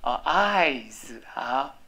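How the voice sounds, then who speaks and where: Deep-voiced woman teaching english in a classroom, slow patient drilling. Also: expressive, fairly bright tone. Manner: patient, drills spelling and pronunciation slowly.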